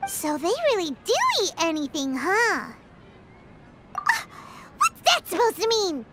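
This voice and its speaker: Game casting: tiny floating sidekick, extremely high squeaky child voice, greedy and excitable, unhurried lively delivery, music underneath. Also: female voice, heavy background noise, exaggerated voice. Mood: curious. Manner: refers to self in third person, exclamatory. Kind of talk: English video game voice acting.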